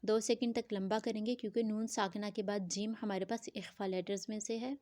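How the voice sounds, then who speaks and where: A woman's voice: medium pitch, fairly even intonation, a little mellow, dry recording. A woman teaching Quran recitation, spelling words letter by letter and drawing out the nasal sounds. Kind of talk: slow spelling-out tajweed lesson.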